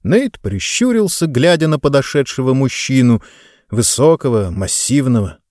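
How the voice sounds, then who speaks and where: A man narrating an audiobook with an expressive reading. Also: mid-range voice, moderate pace, no echo, clean studio sound. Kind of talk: scripted narration.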